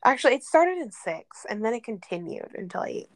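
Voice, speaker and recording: Higher-pitched young woman on a podcast, laughing a lot, lots of "like"s. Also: sing-song, a little fast. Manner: laughs often, many fillers. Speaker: podcast co-host. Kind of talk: casual storytime chat.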